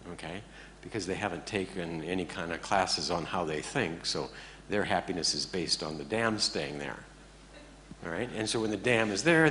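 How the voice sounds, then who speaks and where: A man with a somewhat low voice leads a meditation class in an easy, conversational way. He mixes dry jokes into the lesson and keeps checking that his listeners are following. A faint hum sits under his speech. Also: fairly bright tone. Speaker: meditation teacher. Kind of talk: informal talk to a class.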